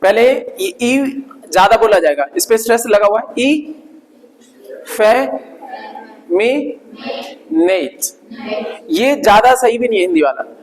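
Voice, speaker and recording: A man's voice: high voice, animated. A man teaching English vocabulary in Hindi, drilling pronunciation and checking in with his class again and again. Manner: repetitive, drills words, checks in with "ठीक है ना"; slow, drawn-out spelling of sounds. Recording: long hall reverb.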